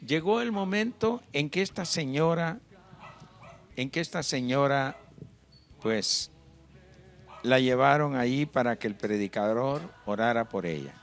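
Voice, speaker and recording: A man's voice: medium pitch, expressive, unhurried, long pauses. A man preaching a sermon, emphatic and full of rhetorical questions, with his volume swinging up and down. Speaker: pastor.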